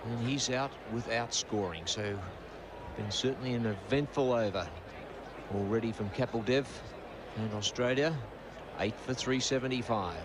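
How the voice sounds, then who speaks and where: Male cricket commentator, average pitch, noisy outdoor recording w crowd. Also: moderate pace. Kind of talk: live sports commentary. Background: stadium crowd.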